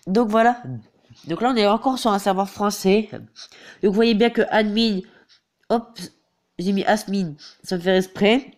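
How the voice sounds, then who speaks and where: With a high, steady voice, a measured pace and long pauses, a teen YouTuber who has a head cold talks through a game tutorial on screen. He hesitates often and keeps reaching for the same filler, repeating "donc voilà".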